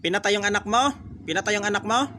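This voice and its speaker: A man's voice: high-pitched, quick pace, noisy background. A man, a folk healer, confronting a spirit in a ritual, pressing it with short, repeated demanding questions. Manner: forceful, repetitive questioning.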